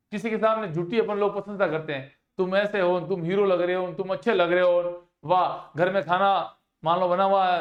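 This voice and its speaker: High-voiced male teacher in an echoey room. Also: lo-fi sound. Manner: repeats points and asks the children questions, then answers them. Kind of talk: classroom lesson explaining Sanskrit verses in Hindi.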